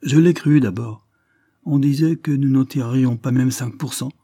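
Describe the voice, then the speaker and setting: A man voicing a frank, hearty retired colonel, older, in an audiobook reading, with an emphatic, lively delivery. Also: medium pitch, moderate pace, breathy edge, no echo, studio quality, voice pushed up.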